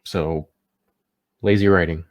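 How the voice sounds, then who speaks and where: A man's voice: sits low, fairly even intonation, slow pace. A man giving a casual, unscripted movie review, sounding tipsy as he stumbles over words and catches himself.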